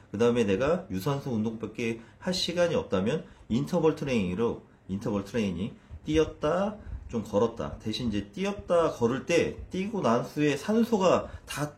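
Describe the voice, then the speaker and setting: A man's voice: medium pitch, a little mellow. A man in his thirties explaining exercise as a fitness trainer in a casual video, stumbling and restarting with a self-deprecating manner.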